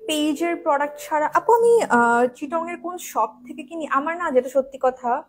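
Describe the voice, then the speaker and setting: High-voiced woman doing a makeup livestream, kinda hoarse, talks really loud. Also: expressive, moderate pace. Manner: talks loudly, habitually projecting her voice. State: hoarse from daily loud talking. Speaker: makeup artist hosting a live stream. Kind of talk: casual live-stream chat during a makeup tutorial.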